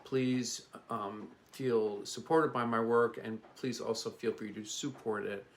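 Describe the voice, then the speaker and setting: A middle-aged or older man from the Bronx giving an informal, earnest introduction as a therapist and teacher, speaking in a halting, reflective way. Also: medium pitch, fairly even intonation. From the Bronx, New York. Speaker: psychologist and therapy teacher presenting his channel. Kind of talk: informal spoken introduction to camera. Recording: echoey room, distant mic, faint noise.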